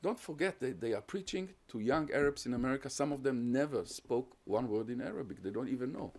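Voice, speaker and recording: A man with Hungarian as his mother tongue gives an academic talk on terrorism research as a guest lecturer. His medium-pitched voice stays even while he calmly explains his points in sequence, and he also responds to questions from listeners.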